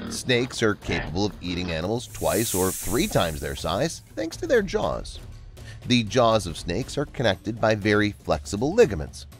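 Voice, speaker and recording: A man reading scripted nature documentary narration as a narrator, over background music. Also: fairly low pitch. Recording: music under the voice.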